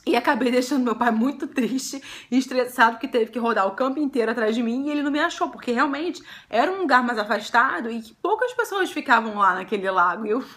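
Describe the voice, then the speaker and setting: A young Brazilian woman vlogger telling a personal love story to camera, chatty and animated, often breaking into giggles. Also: a little high, fast, hardly any pauses. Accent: Brazilian Portuguese.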